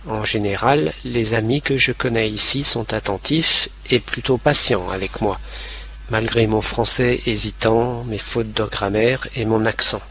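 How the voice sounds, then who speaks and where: A man narrating a scripted language lesson in a slow, clear, carefully pronounced way. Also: lowish voice, steady tone, a bit bright, slight background noise.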